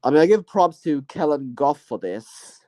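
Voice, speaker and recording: A channel host with a fairly high, mellow voice chats casually and alone into the mic, looking back on his year in a sing-song way at a moderate pace, with the highs cut off. He rambles and hesitates, sprinkling in "you know" and "I guess," letting thoughts trail off before picking them up again.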